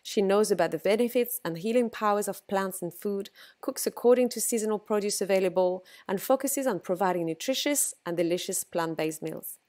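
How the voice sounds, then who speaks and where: A woman's voice: medium pitch, brisk, few pauses, darkish tone. A woman podcast host with a mixed French and South African accent, reading a playful scripted introduction and asking interview questions. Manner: playful, teasing asides. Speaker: podcast host, yoga teacher.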